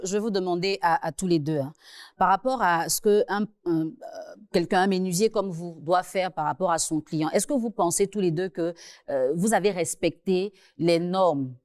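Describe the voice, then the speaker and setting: A woman hosting as a mediator, asking two men to settle a dispute, speaking calmly and slowly. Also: on the low side, no echo. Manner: calm, slow, measured. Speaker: mediator host.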